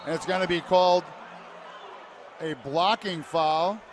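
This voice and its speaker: A man calling a high school basketball game play by play in short clipped phrases, rising to shouts on big plays. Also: fairly even intonation, measured pace. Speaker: play-by-play announcer. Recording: loud crowd and arena noise. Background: cheering crowd, bouncing basketball.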